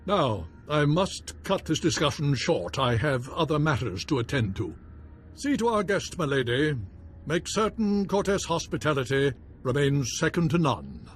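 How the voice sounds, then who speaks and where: Performing scripted lines for a video game, a man portrays a guarded, pompous baron and dismissive husband, formal and haughty in tone. His voice is a little high and sing-song at a moderate pace, with a faint hiss or hum in the recording.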